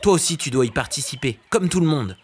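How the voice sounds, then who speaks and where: A man voicing a small, brave and clever male weaver bird who talks excitedly, pitched above his own voice in a children's audio story. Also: fast talker, a little hiss or hum, lightly acted. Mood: urgent. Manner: excited, eager.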